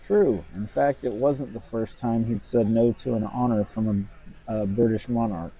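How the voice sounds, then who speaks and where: A man's voice: mid-range voice, steady tone, moderate pace, dark tone, breathy edge, rough recording. A man co-hosting a casual trivia chat, easygoing as he reads out questions and facts. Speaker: podcast co-host.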